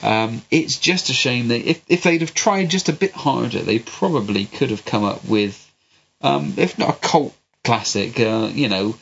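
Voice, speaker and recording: Gravelly West Country man with a cold. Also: mid-range voice, expressive, normal speed, fairly bright tone. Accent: West Country English. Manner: sweary, rambling. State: congested with a cold. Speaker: podcast host. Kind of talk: casual film review chat. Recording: dull lo-fi sound with clear hiss.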